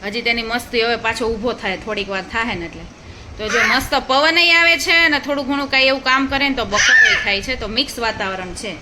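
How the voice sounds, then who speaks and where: A woman's voice: on the high side, brisk, very noisy. A young woman filming a casual family vlog on her phone, chatting to viewers and coaxing a child along. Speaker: family vlogger. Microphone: phone held close to the mouth.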